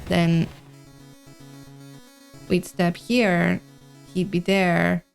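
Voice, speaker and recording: Speaking extremely slowly in a fairly low, creaky voice with a level tone, a Dutch woman from the Netherlands chats casually on a livestream over soft background music. Her accent is mild and mixed, and she hesitantly thinks aloud as she comments on a puzzle game.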